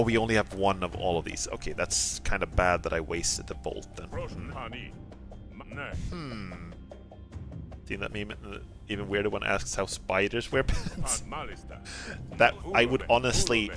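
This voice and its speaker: A man doing casual live gameplay commentary in an excitable, rambling, jokey way. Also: fairly low pitch, normal speed. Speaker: game streamer. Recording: game music behind the voice. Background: video game music.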